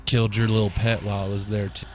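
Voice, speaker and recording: A man's voice: fairly low pitch, little pitch movement, fast, natural voice. A man playing a cocky, flippant phoenix hero in a tabletop game, teasing in his own voice. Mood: mocking.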